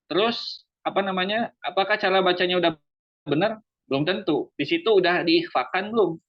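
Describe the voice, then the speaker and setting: A man teaching Quran recitation in an online class. He explains each rule as question and answer and slows down to demonstrate the recitation. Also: on the high side. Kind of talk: online tajwid lesson. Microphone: online class microphone. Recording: dull lo-fi online audio.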